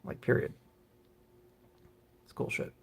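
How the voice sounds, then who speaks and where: A man's voice: slow, background noise. A middle-aged man live-streaming retro games, rambling offhand and swearing casually as he plays. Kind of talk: casual gaming commentary.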